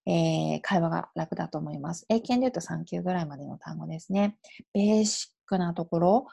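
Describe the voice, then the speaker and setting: A woman's voice: fairly low pitch, vocal fry, dark tone, breathy edge. A Japanese woman in her thirties hosting a solo podcast as an English coach, explaining in a chatty way and dropping in little affirming asides. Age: 30s. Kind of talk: casual solo podcast advice.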